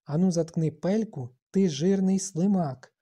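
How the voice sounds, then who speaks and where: An audiobook narrator voicing an aggressive, mocking boy who shouts, in a dark husky voice. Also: mid-range voice, animated, normal speed, natural voice. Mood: hostile. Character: aggressive bossy boy hunter.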